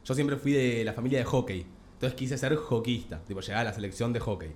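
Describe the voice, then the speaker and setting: A man's voice: mid-range voice, quick pace, a little hiss or hum. A young man with an Argentine Rioplatense accent chats casually on a podcast. He tells his stories with energy and acts out the voices of the people in them. Faint ambience sits behind him. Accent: Argentine Rioplatense Spanish. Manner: animated storyteller, acts out quoted voices. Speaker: podcast co-host. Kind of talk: casual chat among friends.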